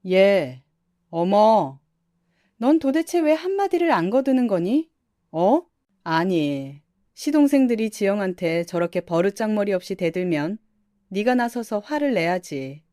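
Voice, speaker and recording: A scolding, overbearing older mother-in-law, put on by a woman narrator. She nags in a shrill, reproachful way. Her voice is mellow and the recording is dry and close. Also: expressive, measured pace, no room sound, lightly acted.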